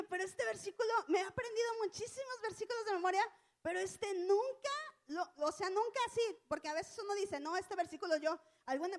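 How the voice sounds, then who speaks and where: A woman giving a casual church lesson, telling a personal story in a conversational, colloquial way. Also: very high-pitched. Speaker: church teacher.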